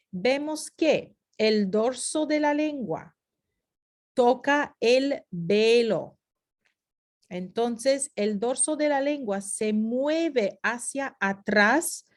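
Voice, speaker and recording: A woman teaching a phonetics lesson over slides, explaining step by step and slipping into short English asides. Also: on the high side. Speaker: Spanish teacher.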